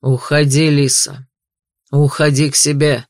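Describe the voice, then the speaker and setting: A man's voice: a little high, flat delivery, a little slow, darkish tone, dry recording, clean studio sound, natural voice. A man voicing a young betrothed nobleman who speaks with restrained, bitter anger in an audiobook. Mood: angry. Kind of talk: audiobook dialogue reading.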